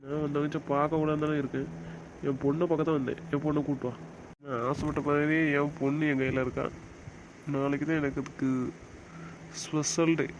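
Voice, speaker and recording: A man's voice: a little high, flat delivery, brisk, long pauses, lo-fi sound. A young man with a slightly raised voice plays a doting father. He coos and coaxes in baby talk. Faint background noise sits under the voice. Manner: coaxing baby talk to his infant daughter. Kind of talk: amateur web drama acting.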